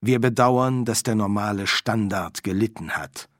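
A man's voice: fairly low pitch, measured pace, fairly bright tone, dry recording, studio quality. A man voicing an empty, hooded, bodiless presence in a toneless whisper. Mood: eerie. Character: empty hooded cloak, eerie genderless presence.

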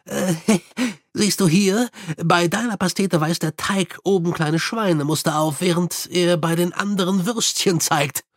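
A man voicing an eager, shifty young male street vendor with fast sales patter in an audiobook. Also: high-pitched, no echo, studio quality. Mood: nervous. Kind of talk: audiobook character voice.

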